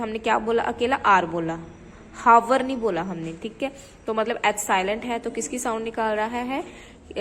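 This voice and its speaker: Woman grammar teacher, slightly high voice, deliberate reading of examples, reverberant room with faint hiss. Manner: checks understanding with repeated rhetorical questions. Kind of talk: classroom lesson explaining grammar.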